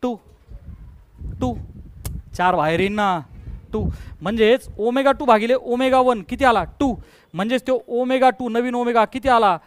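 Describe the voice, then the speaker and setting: High-voiced physics teacher. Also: male voice, clear, resonant tone. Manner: coaxing, quizzing students with rapid questions. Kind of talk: classroom lecture.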